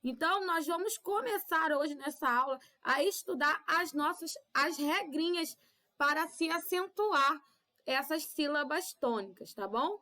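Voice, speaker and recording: A woman with a Brazilian Portuguese accent teaching young children in a recorded class, with drawn-out syllables and constant "tá?" checks. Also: sits high, lively intonation, bright, forceful tone. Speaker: primary school teacher.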